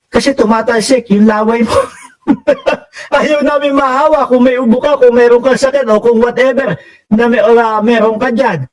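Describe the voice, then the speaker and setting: A man's voice: very high-pitched, fairly even intonation, moderate pace, far from the mic, rough recording. A Filipino man doing casual political commentary for his viewers, reading out comments and mocking with frequent laughs. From Philippines. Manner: mocking, laughs often, addresses viewers as bossing.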